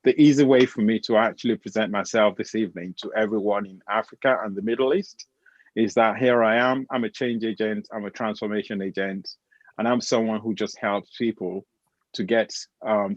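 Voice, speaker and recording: Male transformation coach, low, direct, dry lo-fi call sound. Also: steady tone, brisk, no echo. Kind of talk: panel introduction.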